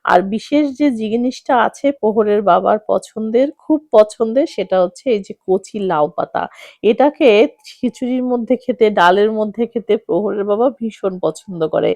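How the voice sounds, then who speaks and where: A chatty woman in her thirties with a Bangladeshi accent, a family vlogger, narrates her daily family life in a voice-over that talks straight to viewers. Her voice is medium-pitched, a little slow and a little mellow, with no room sound.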